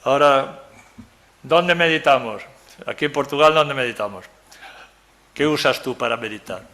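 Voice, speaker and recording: A man's voice: medium pitch, moderate pace, bright, forceful tone. An older man from Galicia, giving a Bible study sermon in a conversational way, often asking "¿verdad?" and joking with his listeners. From Galicia, Spain. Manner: conversational, keeps asking "¿verdad?", jokes with the audience. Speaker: preacher. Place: church meeting room.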